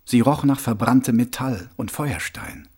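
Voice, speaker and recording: A man reading a novel aloud as an audiobook, with dramatic, expressive storytelling. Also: medium pitch, measured pace, slightly rough. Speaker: audiobook narrator. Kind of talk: scripted audiobook narration.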